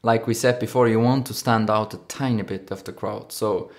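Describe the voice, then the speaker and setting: A man's voice: lowish voice, steady tone. Easygoing man co-host. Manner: easygoing, agreeable, slightly halting English. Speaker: podcast co-host. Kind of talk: casual chat.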